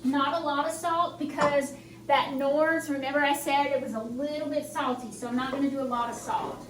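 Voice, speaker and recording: In her home kitchen, a woman hosting a cooking vlog chats casually through a demonstration, her high voice fairly even in intonation at a moderate pace, over some background noise. New dental braces slightly impede her speech as she narrates each step in a chatty, folksy way while she works.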